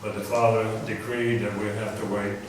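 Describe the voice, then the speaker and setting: Heard from far off in an echoey meeting hall, a religious speaker with a soft, lowish, level voice talks informally and ramblingly to a live audience at a moderate pace, often clearing his throat. A speaker system carries his microphone, and there's a little hiss or hum.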